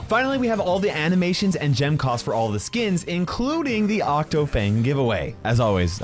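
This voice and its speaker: A man hosting a casual gaming news video, emphatic and conversational, often checking in with tag questions. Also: mid-range voice.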